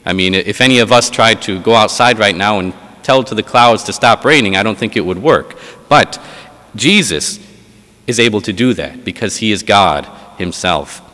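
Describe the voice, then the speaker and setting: A man speaking as a priest in church, reading and preaching in a measured, solemn, deliberate way, with a cathedral-like echo. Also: medium pitch, a bit bright. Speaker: priest giving gospel reading and homily. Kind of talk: liturgical reading and sermon. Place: large reverberant church. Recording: cathedral-like echo, long hall reverb.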